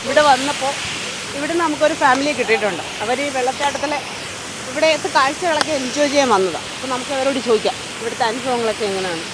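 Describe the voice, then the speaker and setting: A woman's voice: sits high, loud music behind the voice, poor audio. A woman presenting an upbeat travel vlog, mixing English words into Malayalam and repeating catchwords. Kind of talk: upbeat vlog presenting and casual on-the-spot interviewing. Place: outdoors at a waterfall. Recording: rushing water noise, outdoor location. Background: rushing water.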